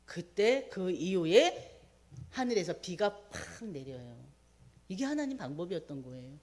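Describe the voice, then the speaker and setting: A woman preaching a midweek sermon, retelling a scripture story with animated voices for the quoted prayers. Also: lowish voice, measured pace.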